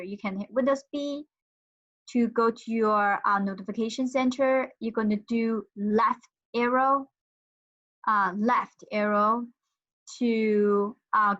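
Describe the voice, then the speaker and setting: Woman giving a slow, muffled tutorial. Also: fairly high pitch, a bit bright. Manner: hesitant, thinking aloud while demonstrating. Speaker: instructor. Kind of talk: casual tutorial demonstration. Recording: dull lo-fi audio.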